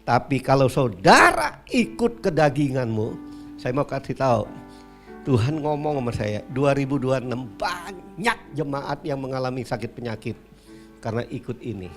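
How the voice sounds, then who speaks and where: Animated man preaching a sermon. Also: mid-range voice, normal speed, soft background music. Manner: animated storytelling preacher, calls out to the congregation. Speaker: pastor. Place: church service.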